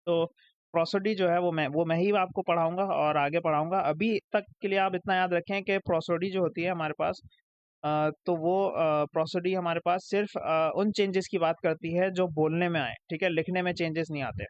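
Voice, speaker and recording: High-voiced man tutoring with a Pakistani accent. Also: fairly even intonation, moderate pace, dry recording. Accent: Pakistani Urdu. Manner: explains step by step, checks "ठीक है?" after each point. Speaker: English tutor. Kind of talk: recorded lecture over slides. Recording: dry, dull lo-fi sound.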